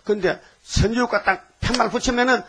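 A man's voice: very high-pitched, a little fast, fairly bright tone, a little hiss or hum. A man preaching a sermon, scolding and firing off rhetorical questions.

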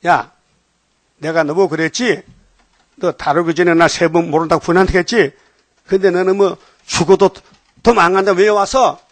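A preacher acting out a stern male teacher who scolds his disciple in blunt, plain words. His voice sits fairly high and sounds dry and close, with no room around it. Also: little pitch movement, moderate pace, pauses often, fairly bright tone, dry recording, natural voice. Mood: scolding.

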